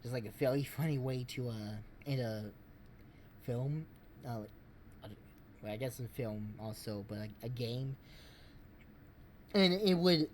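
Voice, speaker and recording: A man streaming, giving casual game commentary in a rambling, halting way. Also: medium pitch, slight background noise.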